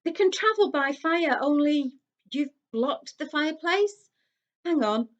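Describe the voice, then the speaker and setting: A woman's voice: sits high, lively intonation, a little slow, lo-fi sound, pitched above the performer's own voice. A woman reading aloud and voicing an anxious young teenage boy who speaks in an earnest, urgent way. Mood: explaining.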